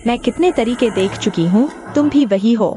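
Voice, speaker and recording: A woman doing a suspicious sharp-tongued girl, higher voice, soft music bed. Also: lively intonation, moderate pace, lightly acted. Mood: scornful. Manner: sharp and scornful. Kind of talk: dubbed drama acting.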